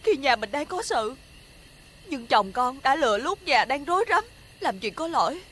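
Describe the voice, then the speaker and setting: An actress playing an indignant, wronged young wife with a Southern Vietnamese accent, speaking in a sharp, accusing way. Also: female voice, high voice, sing-song, normal speed, a little hiss or hum. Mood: aggrieved. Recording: music playing behind.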